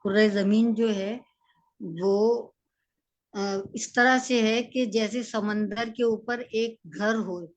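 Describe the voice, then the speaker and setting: A woman student answering her teacher in an online class. She speaks hesitantly and pauses often. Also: fairly high pitch, fairly even intonation. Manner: hesitant, many pauses and fillers. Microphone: online class microphone.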